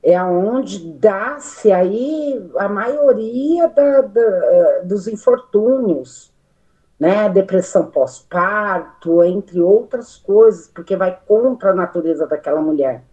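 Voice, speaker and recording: Slow, mellow-voiced Brazilian woman. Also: medium pitch, highs cut off. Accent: Brazilian Portuguese. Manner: animated, gesturing, many fillers and restarts. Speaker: study group participant. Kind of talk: spoken reflection in a study meeting.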